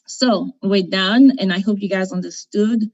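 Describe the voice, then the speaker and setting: An encouraging woman from Cameroon, not a native English speaker, speaks at a middle pitch on a video call. She keeps repeating her points and checking in with "okay?". The audio is dull and lo-fi. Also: measured pace, a little mellow. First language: not English; French second language. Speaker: conference speaker. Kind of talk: motivational talk on a video call.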